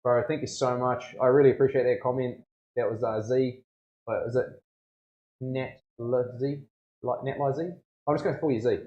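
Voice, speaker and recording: A man with a broad Kiwi accent and a mid-pitched voice talks to his livestream viewers. He is a tattoo artist chatting in a loose, slangy way, often looking for agreement as he goes. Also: fairly even intonation, normal speed, warm tone, dull audio. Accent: broad New Zealand. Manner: laid-back slangy speech, often seeking agreement. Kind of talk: casual livestream chat.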